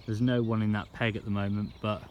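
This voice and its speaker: A man's voice: fairly low pitch, little pitch movement, a little fast, a little mellow, lo-fi sound. A man talking casually to camera in a laid-back, slangy way, as a fishing vlogger. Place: outdoors at a fishing lake. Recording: outdoor ambience and background noise.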